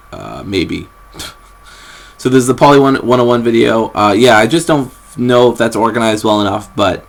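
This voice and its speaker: A young man rambling casually in a vlog from his bed, with lots of fillers and restarts, recorded on a camera's built-in mic. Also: a little hiss or hum. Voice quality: very low, bassy, gravelly voice. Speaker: vlogger. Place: bedroom, sitting on a bed.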